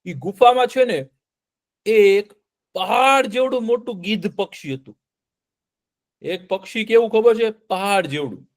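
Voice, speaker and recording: A man tells a children's story. He is animated and keeps checking in with his young listeners through questions. His voice is high for a man. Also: measured pace, long pauses.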